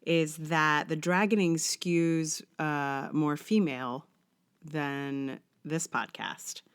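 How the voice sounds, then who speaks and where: This middle-aged woman's low voice is steady, clear and resonant, and she takes her time. Hosting a solo podcast, she reads a scripted essay and then rambles casually, wry and questioning herself.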